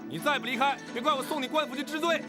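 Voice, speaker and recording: A curt, barking gate guard. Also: male voice, very high voice, racing. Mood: dismissive. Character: gruff rude mansion gatekeeper guard. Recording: drama soundtrack with music.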